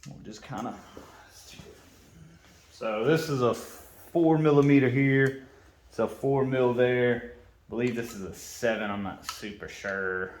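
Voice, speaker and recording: Man muttering softly in an echoey garage. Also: mid-range voice, a little slow, slight background noise. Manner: quiet, half-whispering to himself as he works. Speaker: motorcycle vlogger and mechanic. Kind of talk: casual how-to while working.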